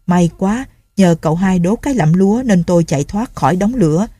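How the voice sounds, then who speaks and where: A woman's voice: on the low side, animated, fairly quick, mellow, breathy edge, no echo, studio quality. A woman voicing a boastful, taunting old male bandit chief in a told story. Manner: taunting and mocking.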